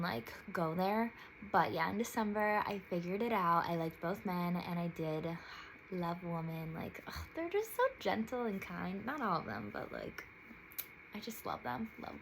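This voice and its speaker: A woman's voice: lowish voice, slight background noise, rough recording. A young woman in her twenties telling a personal story in a casual vlog, chatty and full of "like"s, jumping her voice up when quoting others. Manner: chatty, filler-heavy, emotional, many "like"s. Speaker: vlogger.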